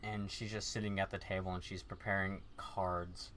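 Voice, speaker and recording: Casting: informal male game master, lowish but forceful voice, casual and sweary tabletop narration. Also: flat delivery, normal speed, slight background noise.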